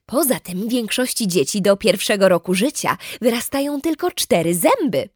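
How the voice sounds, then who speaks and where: A woman voicing a calm, doting mother who talks to her children in a soothing, patiently lecturing way. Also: medium pitch, normal speed, no room sound, studio quality, natural voice. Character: calm, doting mother of a teen girl and a baby.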